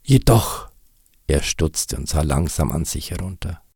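Deep husky male storyteller. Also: normal speed, a little mellow, dry recording, clean studio sound. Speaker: narrator. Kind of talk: storybook narration.

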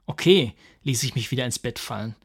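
A man with a husky voice narrates a humorous first-person story. His telling is dry and wry, and his voice sits at an ordinary middle pitch. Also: moderate pace.

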